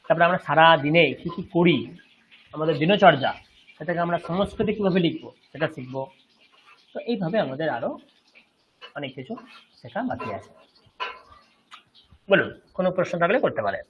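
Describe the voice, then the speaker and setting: A Bengali-accented man from West Bengal, India, teaches a Sanskrit class online, patiently explaining and checking his students follow. His voice is a little high and fairly quick, and he pauses often. The audio is dull and lo-fi, with slight background noise.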